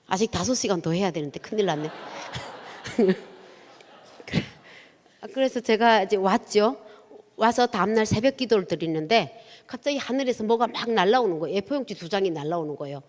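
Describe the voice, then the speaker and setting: A woman's voice: medium pitch, animated, a little fast. A woman from Korea, an evangelist giving a testimony sermon in a church, telling her story vividly and acting out dialogue. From North Korea. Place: church sanctuary. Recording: long church hall reverb.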